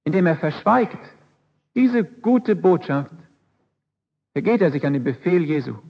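Emphatic, husky-voiced male preacher. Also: high-pitched, expressive, measured pace. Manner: emphatic, with rhetorical questions and repeated phrases. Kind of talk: sermon. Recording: dull lo-fi recording.

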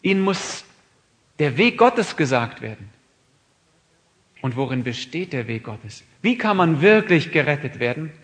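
A man delivering a sermon in an earnest, searching way. He asks his listeners question after question, dropping to a soft reflective tone and then rising to loud, emphatic appeals. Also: a little high, big pitch swings, unhurried, long pauses. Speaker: preacher.

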